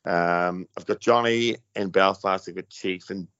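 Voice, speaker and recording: A man's voice: sits low, steady tone, unhurried, fairly bright tone, smooth, dry recording. A man hosting a casual football podcast in an informal, emphatic way. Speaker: podcast host. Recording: dull lo-fi podcast sound, dry.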